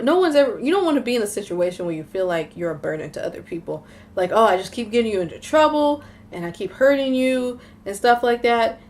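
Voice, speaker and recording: A woman's voice: medium pitch, darkish tone, a little hiss or hum. Chatty young woman reviewing an anime. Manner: chatty, rambling, many fillers and restarts. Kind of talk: casual spoken episode review.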